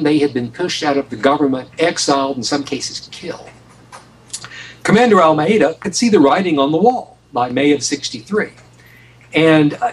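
A man's voice: on the high side, slightly rough, distant mic, low-quality recording. An American man telling a story as an interview guest, emphatic, often repeating and restarting his phrases. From United States. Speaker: guest author on a radio show.

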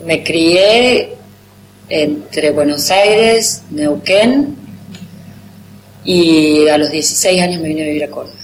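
Her voice low and her pace slow, a woman writer from Argentina in her thirties gives a casual, self-mocking interview, frequently laughing at herself. She has a rioplatense Argentine Spanish accent, and the audio is echoey with background noise.

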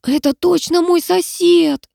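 A woman's voice: extremely high pitch, steady tone, slow, creaky, warm tone, no room sound, clean studio sound, pitched above the performer's own voice, heavily acted. A woman voicing a nervous skinny young male alchemy student who squeals in a panicked whisper. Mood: panicky.

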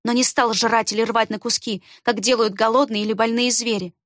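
A woman's voice: a little high, steady tone, fairly bright tone, no echo, studio quality, lightly acted. Woman reading an icy young heroine. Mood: cold accusing. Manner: icy, measured. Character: young heroine, cold and accusing.

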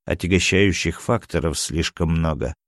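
A man's voice: low voice, normal speed, dry recording, studio quality, natural voice. A man voicing an exasperated grown man doctor.

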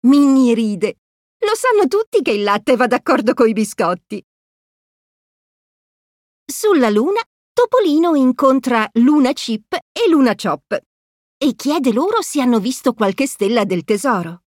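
A woman narrating a children's storybook with an expressive, sing-song delivery. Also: high voice, unhurried, no echo, clean studio sound. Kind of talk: storybook read-aloud.

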